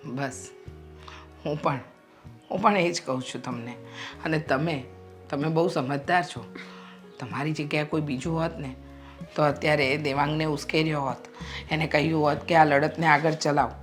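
An actress playing a sympathetic woman who speaks in a gentle, agreeable, soft way. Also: sits low, fairly even intonation, normal speed, faint music behind, natural voice.

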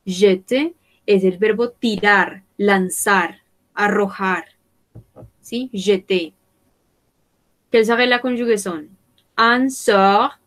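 Slow, careful French teacher woman. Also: mid-range voice, fairly bright tone. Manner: slow, careful, repeating words for students. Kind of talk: bilingual online class, French and Spanish.

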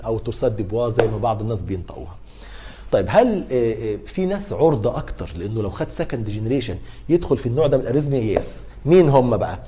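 A man's voice: medium pitch, warm tone. A middle-aged man with an Egyptian accent giving a university pharmacology lecture, asking and answering his own questions to coax his students along. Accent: Egyptian Arabic.

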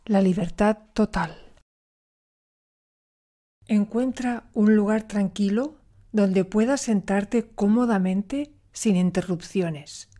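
Leaving long pauses between brief phrases, a woman leads a calm, deliberate meditation in a mid-range voice with a dark tone.

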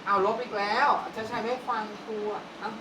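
A woman kindergarten teacher running a classroom vocabulary drill. She repeats each word slowly and coaxes the children while staying firm. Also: a little high, steady tone. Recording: echoey room from far off, clear noise.

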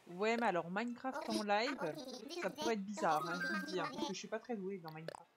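A woman chatting softly with viewers while she streams a video game on a headset mic. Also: mid-range voice, brisk. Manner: soft-spoken, chatty with viewers. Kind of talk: casual live-stream chat while playing. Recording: game music under the voice. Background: game music.

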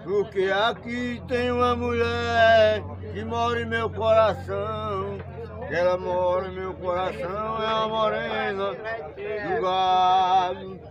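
A man from Northeast Brazil, a cowboy, reciting rhyming verse in a half-sung, drawn-out way in an outdoor cattle pen. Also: high-pitched, level tone. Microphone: handheld camera close by. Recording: busy crowd around outdoors.

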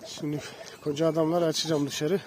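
A man with a high voice films himself by his dogs' pen, calling them over and praising them. He swings between firm shouted commands and soft, fond murmurs. The phone recording picks up plenty of outdoor noise behind him. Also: level tone, brisk. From Turkey. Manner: coaxing, affectionate calls to dogs, mixing loud commands with soft praise. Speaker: dog owner vlogger. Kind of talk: casual vlog talking to his dogs. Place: outdoors by a dog enclosure. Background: dogs and outdoor noise.

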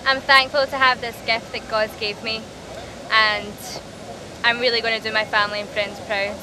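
A young Scottish woman with a Scottish accent speaks earnestly and gushingly to camera about her singing career, in a promotional profile of an aspiring singer. Her voice is a little high, with little pitch movement and normal speed. The setting moves between a studio and city streets, with a noisy background.

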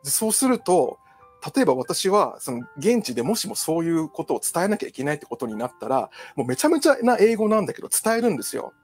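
Husky chatty male counselor, lively pitch. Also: fast talker, faint music behind. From Japan. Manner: chatty, digressive, many fillers. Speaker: psychological counselor. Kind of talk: casual solo talk.

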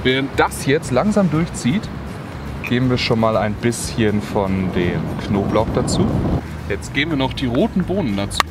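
Filming himself with a camera held at arm's length, a young man talks through his campsite cooking in a relaxed, chatty way full of fillers. He has a mid-range voice. Wind and rain from the wet, windy woods fill the background.

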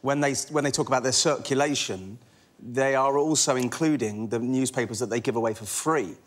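A man's voice: mid-range voice, fairly quick. A middle-aged man on a comedy panel show in a TV studio, throwing in playful quips. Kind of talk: comic panel banter. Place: large TV studio, seated at a panel desk.

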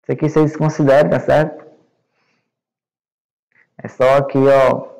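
A Brazilian male English teacher giving a recorded online class to young students, explaining slowly and patiently and checking understanding often. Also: mid-range voice, little pitch movement, creaky, darkish tone, poor audio. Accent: Brazilian Portuguese. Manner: repeats words and checks with "né?" and "certo?".

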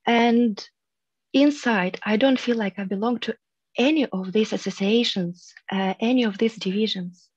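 A woman in her thirties, from Russia, leading a spiritual guided teaching on a video call, speaking softly and earnestly with drawn-out pauses. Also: fairly high pitch, breathy edge, no room sound. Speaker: meditation group leader. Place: room at home, indoors. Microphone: headset on a video call. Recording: muffled video call audio.

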